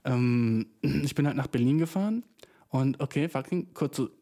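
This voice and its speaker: A young male podcast host rambles through a casual solo monologue. His voice sits at a mellow, relaxed, mid-range pitch, and his talk is loose, profane and full of slang borrowed from English. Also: a little slow.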